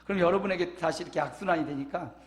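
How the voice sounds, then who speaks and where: A man in his fifties preaching a conversational sermon as a pastor, dropping to soft asides and rising to loud, emphatic passages. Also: fairly high pitch, rapid-fire. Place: church sanctuary. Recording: echoey church hall.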